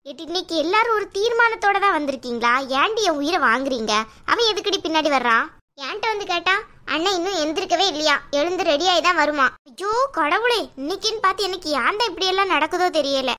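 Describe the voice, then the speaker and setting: A woman voicing a shrill fretful cartoon mother-in-law. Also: lively intonation, fast talker, sharp tone, heavily acted. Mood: exasperated. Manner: scolding, exasperated. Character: fretful middle-aged mother-in-law hurrying family. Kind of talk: cartoon voice acting.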